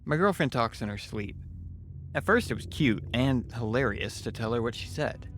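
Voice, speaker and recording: A man's voice: mid-range voice, expressive, normal speed, fairly bright tone, slight background noise. A man narrating a first-person scary story in a dramatic style. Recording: music under the narration. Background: music.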